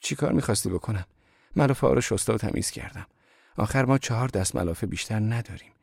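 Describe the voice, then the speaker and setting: A man's voice: lowish voice, vocal fry, a little mellow, breathy edge, no echo, studio quality, voice pushed up. A man voicing a devout, anxious young woman, speaking in a pleading, emotional way in a storybook reading. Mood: tender.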